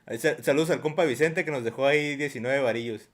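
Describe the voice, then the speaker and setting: A man's voice: mid-range voice, fast. A man from Mexico hosting a casual podcast with guests, joking in slang and laughing often. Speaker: podcast host. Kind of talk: casual chat.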